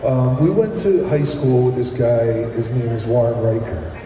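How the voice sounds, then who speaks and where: A middle-aged American musician chats casually as a guest on a live radio broadcast from a public plaza, telling rambling, enthusiastic anecdotes. His medium-pitched voice is animated and moves at normal speed. Crowd noise and music come through, and the space sounds like an echoey hall.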